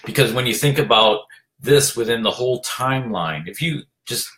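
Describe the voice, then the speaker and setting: A man giving an earnest motivational talk as a leadership coach, urging listeners on, repeating his phrases and filling pauses with "you know". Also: medium pitch, lively intonation, a bit bright.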